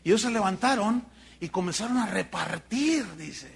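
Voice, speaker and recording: A man with a Mexican accent preaching a sermon as pastor, telling Bible stories with animated delivery and joking asides to the congregation. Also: sits high, normal speed, vocal fry, husky.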